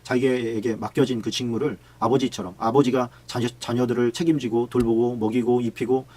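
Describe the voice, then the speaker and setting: A man's voice: mid-range voice, little pitch movement, a little fast, darkish tone. A male pastor giving a sermon in a conversational way, asking rhetorical questions and acting out everyday quarrels. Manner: conversational preaching with frequent rhetorical questions and acted-out quotes.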